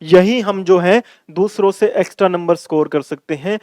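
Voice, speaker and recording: High-voiced man teaching grammar. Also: normal speed, a little mellow, dry recording. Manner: addresses viewers as dear children, repeats points for emphasis. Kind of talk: classroom-style grammar lesson.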